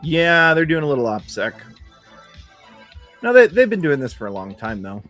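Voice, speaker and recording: A man's voice: fairly high pitch, sing-song, moderate pace, a bit bright. A man with a cold hosting a casual livestream, talking in a profane, sardonic, chatty way. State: has a cold. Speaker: livestream host. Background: faint background music.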